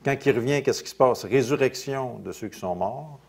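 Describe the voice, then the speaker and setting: A male pastor with a Quebec French accent preaching a sermon, reading scripture aloud and commenting in quieter, casual asides. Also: medium pitch, normal speed, creaky, slightly rough. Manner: lively preaching, rising loud on scripture then dropping to quiet asides.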